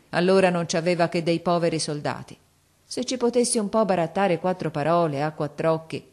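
A woman's voice: on the low side, darkish tone, natural voice. A woman voicing a proud old army veteran. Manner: fervent, heartfelt reminiscing.

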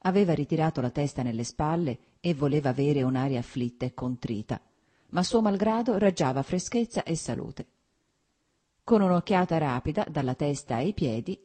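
A woman narrating a classic novel as an audiobook, in an expressive, measured reading. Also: deep voice, breathy edge.

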